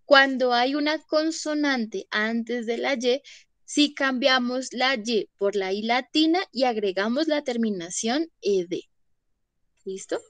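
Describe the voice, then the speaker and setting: A woman's voice: on the high side, takes it slowly, no echo. A young woman teaching an online English grammar class, patiently checking that students follow along.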